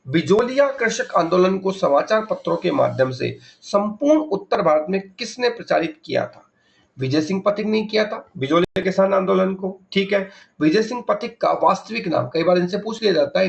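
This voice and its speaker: In a gravelly, high voice with the highs cut off, a man runs an MCQ revision lesson for an exam. He poses questions and answers them himself, repeats key facts, and mixes English words into his explanations.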